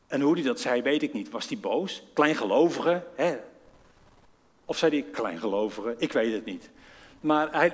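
A man preaching a conversational sermon. He asks his listeners questions and acts out the quotes in his story. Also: fairly high pitch. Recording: long reverb of a large hall.

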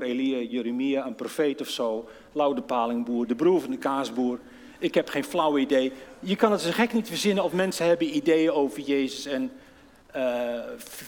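A man's voice: medium pitch, darkish tone. A man preaching a conversational sermon. He asks his listeners questions and acts out the quotes in his story. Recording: long reverb of a large hall.

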